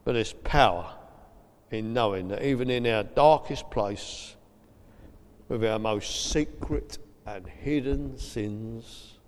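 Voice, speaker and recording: A man with a South East London accent preaches in a relaxed yet emphatic way and keeps circling back to the same phrases. His voice sits at an ordinary middle pitch. It rings out with the long reverb of a large church hall. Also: slow pace. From England. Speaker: pastor. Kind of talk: sermon.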